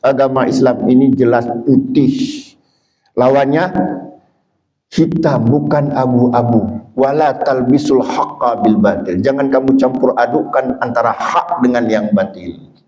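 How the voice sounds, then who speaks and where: A man preaching a sermon, who poses questions to himself and answers them, and who climbs high and loud when he quotes. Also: a little slow, muffled recording. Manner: explains by asking and answering his own questions; rises to high, loud emphasis when quoting. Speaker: Islamic preacher.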